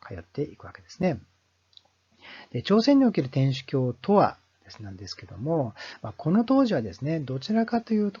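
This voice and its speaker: Male history host, fairly high and lively pitch, husky and mellow tone, halting and filler-heavy, dull lo-fi recording. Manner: halting delivery full of drawn-out fillers. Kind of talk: lecture-style explanation. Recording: dull lo-fi sound.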